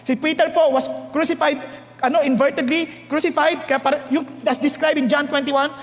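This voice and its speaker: A man with a Filipino accent preaching a sermon, teasing and animated as he mixes in English. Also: very high voice, moderate pace. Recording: long hall reverb.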